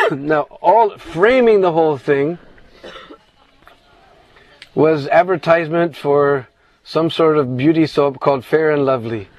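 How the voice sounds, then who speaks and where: A man's voice: a little high, slow, pauses often, no echo, rough recording. A man telling a scripture story in an informal sermon, meandering with restarts and frequent "you know".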